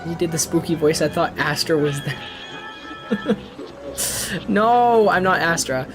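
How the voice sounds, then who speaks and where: A man chatting casually on a live stream, excitable and jokey, laughing often. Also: a little high, slow, music in the background. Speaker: streamer reading creepypastas.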